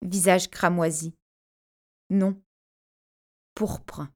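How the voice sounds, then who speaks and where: A woman's voice: lowish voice, steady tone, extremely slow. A woman voicing an anxious young pregnant wife in an audiobook, speaking in intense, fragmented phrases. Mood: reflective. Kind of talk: audiobook character narration.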